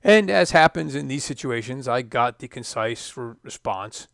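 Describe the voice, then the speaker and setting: Speaking in a creaky, slightly bright medium-pitched voice, a middle-aged man who was once a test pilot delivers a scripted podcast monologue. He is measured and emphatic, dropping in dry asides.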